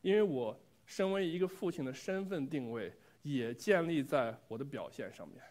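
A man's voice: medium pitch, animated, moderate pace, a little mellow. Male preacher, mid-range voice, earnest and reflective, delivering a sermon with personal testimony and direct questions to the congregation.

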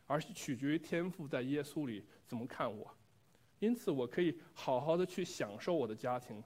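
A man's voice: mid-range voice, a little mellow. A man preaching a sermon, sharing a personal testimony in an earnest, reflective way and putting pleading questions to the congregation.

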